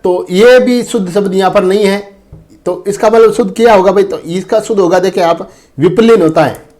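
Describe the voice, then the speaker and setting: A man's voice: high voice, normal speed, darkish tone. A man teaching an exam-prep lesson on spelling. He talks in a repetitive way and keeps calling his viewers friends and brother. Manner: repetitive, addresses viewers as friends and brother, often says "dekhen".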